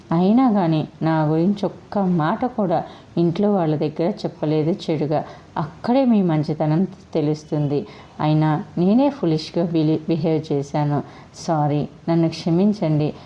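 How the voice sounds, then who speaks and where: A woman's voice: low-pitched, close to an everyday voice. A woman voicing a young wife who earnestly apologizes and begs her husband not to leave her, read in a storybook style. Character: young wife, remorseful and pleading. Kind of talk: storybook reading. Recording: dull lo-fi recording.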